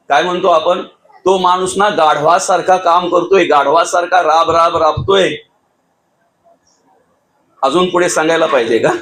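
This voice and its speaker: A male devotional preacher giving a Marathi sermon in an emphatic style, often rising to near shouts and calling the listeners Mauli, with a rural Thane-region Marathi accent. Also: sits high, low-quality recording. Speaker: kirtankar preacher.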